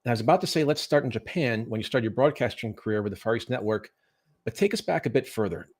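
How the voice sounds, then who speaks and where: A man hosting an interview show, introducing his guest in a brisk, upbeat way. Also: medium pitch, lively intonation, darkish tone. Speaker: host.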